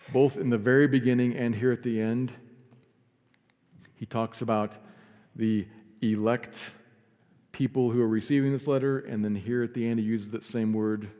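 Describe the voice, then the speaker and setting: A man preaching a sermon as pastor, earnest, sometimes dropping to a soft, quiet emphasis. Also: mid-range voice, big-room sound. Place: church sanctuary.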